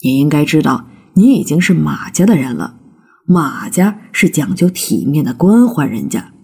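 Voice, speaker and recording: A woman's voice: low voice, lively intonation, normal speed, vocal fry, darkish tone, breathy edge, full character voice. A woman voicing a stern, angry old rich father who scolds harshly, in a storybook reading.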